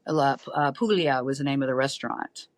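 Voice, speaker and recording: A woman's voice: extremely low pitch, brisk, no echo. A middle-aged woman, a podcast guest telling a story in casual chat and acting out the voices of the people she quotes. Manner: lively, animated storyteller who acts out quoted voices.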